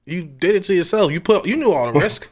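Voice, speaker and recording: A man's voice: high-pitched, animated, fast talker, slightly rough. A man co-hosting a casual podcast chat, teasing the others and laughing often.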